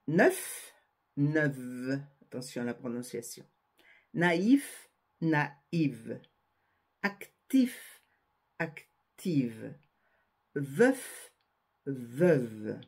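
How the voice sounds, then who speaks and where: A woman gives a grammar lesson, spelling out endings and reading word pairs one by one. Her voice is a little husky, and her pitch rises and falls a great deal. She speaks unhurriedly, stressing each ending. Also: darkish tone. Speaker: French grammar teacher. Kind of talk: slow spoken grammar lesson.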